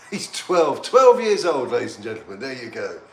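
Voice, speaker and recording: A man, a little tipsy, giving excitable, rambling banter while streaming a football match. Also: medium pitch, normal speed. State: slightly tipsy. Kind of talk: casual live match commentary. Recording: echoey room, faint background noise.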